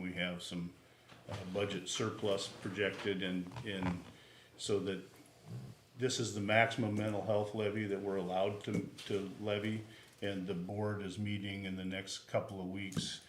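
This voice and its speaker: Even-toned man in an echoey meeting room. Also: low voice, a little slow, slight background noise. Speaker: county board member. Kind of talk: explanatory remarks at a public meeting.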